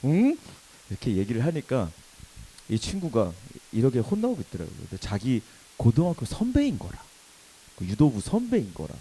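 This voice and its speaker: A young adult man preaching to a youth service, telling a funny personal story with lively acted quotes and laughter. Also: mid-range voice, a little fast, slightly rough, rough recording. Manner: animated storytelling, laughing at himself, acting out quoted shouts. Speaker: youth pastor. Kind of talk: sermon with personal anecdote. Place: church worship hall.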